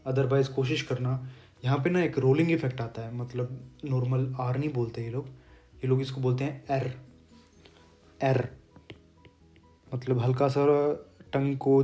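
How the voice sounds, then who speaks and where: A man gives a casual beginner language lesson, explaining patiently and repeating each sound slowly. His tone is mellow and relaxed, with a medium pitch. Faint music plays behind him. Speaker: German language teacher.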